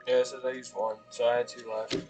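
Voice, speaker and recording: A man's voice: mid-range voice, level tone, fast talker. A man playing in a tabletop game, chatting casually and laughing along, with music behind. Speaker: player. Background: background music.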